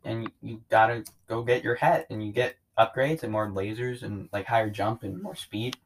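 A man's voice: mid-range voice, a little hiss or hum, low-quality recording. A man co-hosting a casual podcast, chiming in with laid-back, offhand remarks. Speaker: podcast co-host. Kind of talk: casual chat.

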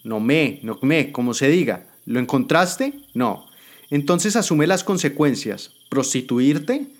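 A man's voice: medium pitch, animated, slow pace, pitched above the performer's own voice. A man voicing a cruel, ruthless woman politician who taunts and threatens, in a dramatic spoken story. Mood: scornful. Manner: taunting, contemptuous.

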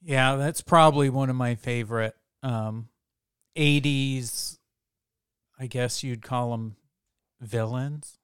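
A man co-hosting a podcast, talking hesitantly with short replies. He speaks slowly in a smooth, clear voice. The sound is dry and close. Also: medium pitch, fairly even intonation, no room sound. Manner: slow, hesitant, short reactions. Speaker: podcast co-host. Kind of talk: casual chat.

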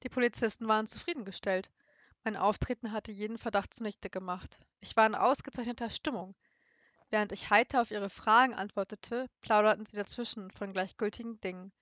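Young woman reading a creepy story with rising tension, then chatting, mid-pitched, dry sound. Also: steady tone, a little fast, a bit bright, no echo. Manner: intense reading that builds up. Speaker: story reader. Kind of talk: dramatic story reading and casual chat.

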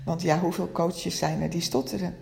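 Gravelly-voiced woman coach, reverberant room. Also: lowish voice, flat delivery, moderate pace. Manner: stutters now and then, searches for other words, speaks gently and openly. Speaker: coach and podcast host. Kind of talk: personal reflective monologue.

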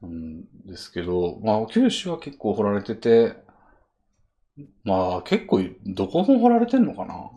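A man's voice: on the low side, wildly swooping pitch, measured pace, warm tone, lo-fi sound. A man with a Kansai accent hosting a casual chat podcast, enthusiastic and laughing often. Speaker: podcast host.

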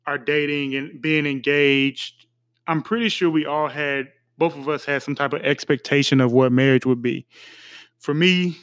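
Smooth-voiced young man, relaxed chat. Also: fairly high pitch, dry recording. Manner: relaxed, reflective, with many fillers and restarts. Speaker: podcast co-host. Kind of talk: casual chat.

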